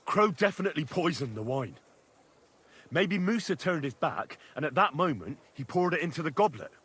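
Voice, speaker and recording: An earnest young accuser. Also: male voice, on the high side, big pitch swings, moderate pace, fairly bright tone, breathy edge, full character voice. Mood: accusing. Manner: earnest, matter-of-fact. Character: young man accuser, investigator presenting evidence.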